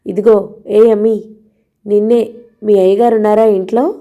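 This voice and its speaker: A woman's voice: mid-range voice, steady tone, unhurried, dark tone, lightly acted. A woman voicing an impatient young man visiting a house, talking in a brusque, demanding way.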